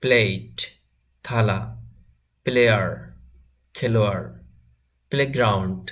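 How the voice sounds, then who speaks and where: A man teaching a vocabulary lesson, reading each word slowly, repeating it and giving its meaning. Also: fairly low pitch, a bit bright.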